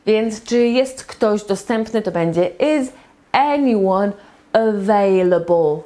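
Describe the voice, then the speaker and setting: A woman teaching English in a slow, patient lesson at a whiteboard, repeating each example phrase several times. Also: medium pitch, lively intonation, warm tone.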